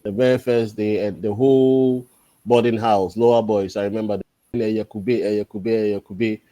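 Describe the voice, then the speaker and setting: A man around forty, a guest in a casual interview, talking thoughtfully and pausing often on drawn-out fillers. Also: fairly low pitch, fairly even intonation, warm tone, dry recording. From Ghana. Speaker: podcast guest.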